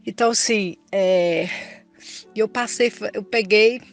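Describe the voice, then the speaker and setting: A woman's voice: medium pitch, measured pace, faint music behind. An older woman giving an earnest, emotional church testimony and speaking to the listener as a brother. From Brazil. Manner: earnest, tearful storytelling, addresses listener as brother.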